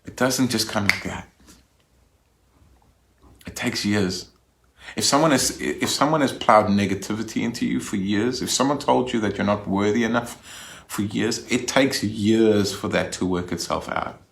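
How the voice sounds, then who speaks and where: A male minister delivers a recorded Sunday reflection in a relaxed, conversational way. His voice sits a little low, and he often stops to restart his phrases. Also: unhurried, gravelly.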